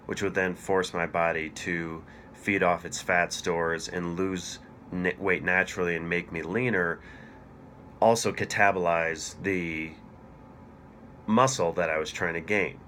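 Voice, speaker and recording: A middle-aged man who hosts a cycling coaching channel, talking through his experiment in a hoarse, froggy voice from a chest cold. He explains at an even clip and checks his notes as he goes. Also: low voice, a little slow, a little hiss or hum. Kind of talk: casual explanatory video talk.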